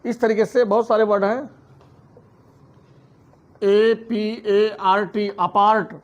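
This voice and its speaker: A man teaching a phonics lesson, spelling words out letter by letter and then saying each one slowly. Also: sits high, level tone. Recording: dull lo-fi recording.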